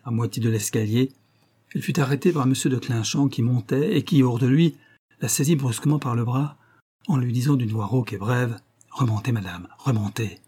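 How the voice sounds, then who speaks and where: Husky-voiced male audiobook narrator. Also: mid-range voice, mellow. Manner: measured, dramatic storytelling. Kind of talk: audiobook reading of a novel.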